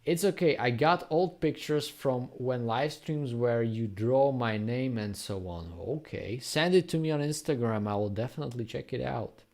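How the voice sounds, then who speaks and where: A man from Slovakia with a Slovak accent, chatting casually on a live stream and answering viewers' questions in a rambling, unhurried way. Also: medium pitch, a little mellow. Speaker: graffiti artist live streamer.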